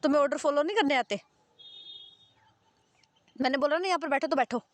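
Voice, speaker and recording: A woman's voice: high voice, a little fast, no room sound, lightly acted. A woman voicing a young female boss who gives curt orders. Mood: stern.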